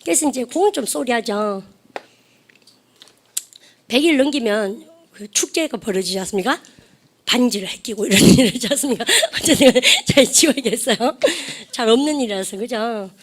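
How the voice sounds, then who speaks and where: A woman's voice: on the high side, expressive, moderate pace. A woman English teacher giving a chatty vocabulary lecture, prompting the class to repeat phrases and laughing often.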